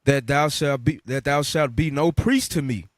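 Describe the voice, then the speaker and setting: Man reading scripture, steady and formal. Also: fairly high pitch, normal speed, no room sound, clean studio sound. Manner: steady, formal reading that announces book, chapter and verse. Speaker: scripture reader.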